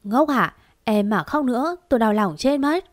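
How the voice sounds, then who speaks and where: A woman voicing a gentle, devoted young man in a romance story, speaking softly and tenderly. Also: fairly high pitch, lively intonation, moderate pace, dry recording, studio quality, lightly acted.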